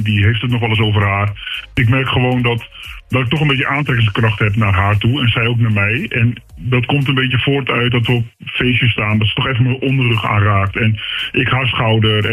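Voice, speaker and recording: Man with deep disguised voice. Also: a bit bright, husky, rough recording. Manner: hesitant, many fillers and restarts. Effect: voice disguised, pitched deep. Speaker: anonymous listener calling in. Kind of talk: casual personal story.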